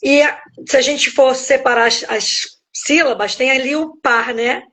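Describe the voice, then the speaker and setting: Brief: middle-aged Brazilian woman pastor, slightly high voice, reflective live-stream teaching over a phone. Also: measured pace, a bit bright. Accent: Brazilian Portuguese. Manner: reflective, explains step by step, keeps checking in with "né?". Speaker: pastor and guest speaker.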